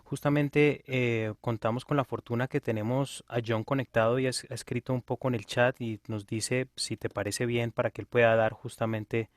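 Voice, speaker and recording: Male moderator, polite, level intonation, medium-pitched, speaking on a video call. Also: steady tone, moderate pace, hardly any pauses.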